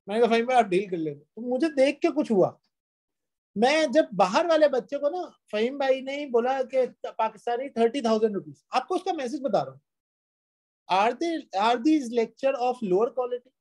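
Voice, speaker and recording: A man's voice: very high-pitched, lively intonation, normal speed, a little mellow, poor audio. A young man with a Pakistani Urdu accent teaching a classroom lecture, chatty, with storytelling asides and English phrases mixed in.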